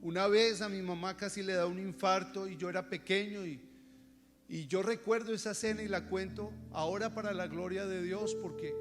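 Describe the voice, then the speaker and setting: A man with a Colombian accent, a pastor telling a personal testimony in a sermon, earnest, sometimes hushed and sometimes fervent. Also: high-pitched. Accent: Colombian Spanish. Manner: earnest storytelling, dropping to hushed tones and rising to fervent shouts. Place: church service. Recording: reverberant hall with music underneath. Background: instrumental music.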